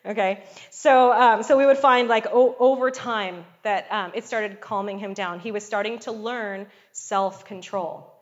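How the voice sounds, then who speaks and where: A woman's voice: medium pitch, steady tone, a little slow, hardly any pauses, dull audio. A middle-aged woman giving a conversational sermon, often checking in with the congregation. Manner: conversational, frequent call-and-response "Amen?" and "okay?". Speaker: preacher.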